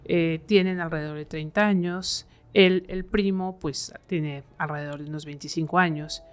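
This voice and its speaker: A woman's voice: low-pitched, steady tone, normal speed, clear, resonant tone. A woman, a podcast guest, telling a horror story in a conversational way, full of fillers. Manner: conversational, many fillers like "eh" and "este".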